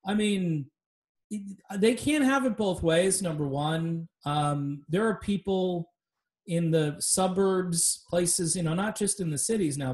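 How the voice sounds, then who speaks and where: A man with a somewhat high, slightly mellow voice hosts a casual political podcast. He talks loosely and rambles, often wandering off on tangents.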